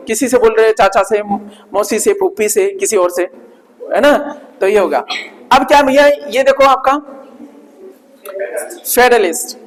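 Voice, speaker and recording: Man drilling vocabulary in a reverberant hall. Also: extremely high pitch. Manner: drills pronunciation by repeating words slowly; peppers speech with "isn't it" tags. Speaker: English vocabulary teacher. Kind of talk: classroom vocabulary lesson.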